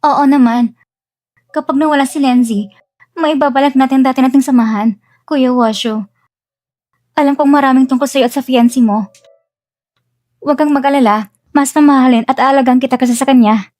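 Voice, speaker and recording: A woman's voice: high voice, steady tone, moderate pace, long pauses, a little mellow, no echo, studio quality, lightly acted. A woman voicing a spoiled, scheming young woman. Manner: pushy and self-assured. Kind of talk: dubbed drama.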